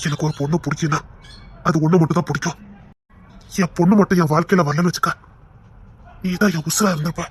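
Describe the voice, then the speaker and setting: A man playing a rough but remorseful husband who earnestly begs his wife to leave, in an audio drama. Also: fairly high pitch, steady tone, quick pace, pauses often, slight background noise, close to an everyday voice. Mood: pleading. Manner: earnest, pleading, sorrowful. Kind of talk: Tamil audio story acting.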